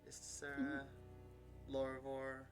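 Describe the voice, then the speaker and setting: A man's voice: medium pitch, sing-song, measured pace, creaky. Male game master, easygoing, hesitant, chatty; light music under him. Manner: rambling, hesitant with fillers. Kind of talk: casual chat before a tabletop game stream.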